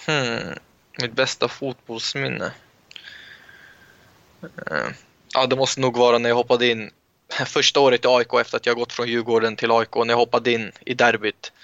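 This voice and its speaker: A young man recalls his football career in a relaxed, halting way, often restarting his sentences. The sound is dull and lo-fi, with no room echo. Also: medium pitch, clear, resonant tone. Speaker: footballer, interview guest. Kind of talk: casual interview storytelling. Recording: muffled lo-fi sound, dry.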